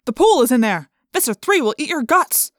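A woman voicing an enemy henchman who shouts orders in a fury. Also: sits high, big pitch swings, brisk, no room sound, studio quality, voice pushed up. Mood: furious. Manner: shouting, furious.

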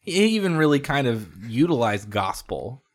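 Mid-pitched man in a casual music chat. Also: sing-song, moderate pace. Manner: agreeable, frequent short backchannels.

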